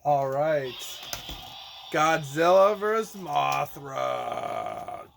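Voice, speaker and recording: Pitched on the high side, this man's voice swings hugely up and down, moves extremely slowly, and has vocal fry, with a little hiss or hum behind it. A teacher and kids' show host, he shows off toys in a casual, playful, theatrical way full of goofy exclamations.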